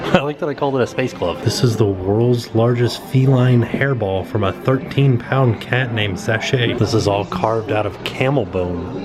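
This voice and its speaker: A man's voice: mid-range voice, normal speed, few pauses. A man giving casual, off-the-cuff vlog commentary as he tours exhibits, pointing things out with mild amazement. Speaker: vlogger touring a museum. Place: indoor museum exhibit rooms. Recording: loud music behind the voice.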